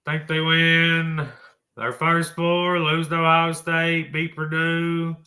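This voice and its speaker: A man's voice: fairly high pitch, monotone, slow pace, bright, forceful tone. A man hosting a college football talk show, blunt and folksy, tossing in mild swearing. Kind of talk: opinionated sports talk.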